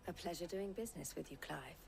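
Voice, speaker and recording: An actress playing a composed, formal woman trader in a video game, speaking in a measured, persuasive way. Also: on the low side, vocal fry, darkish tone. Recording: game audio with music underneath. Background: game music.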